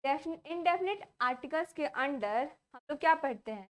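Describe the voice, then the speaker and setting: A young woman with an Indian accent teaches a grammar lesson in a high, clear voice. She keeps asking her class questions and then answers them herself, repeating each key point. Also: animated, moderate pace.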